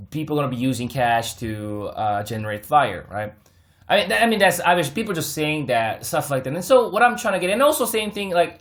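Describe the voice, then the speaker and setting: A man hosting his own market commentary, talking casually and with lots of energy, as if chatting with friends, laughing and mocking others. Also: medium pitch. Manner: animated, talks to viewers like friends, laughs, mocks others. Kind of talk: casual unscripted market talk to camera.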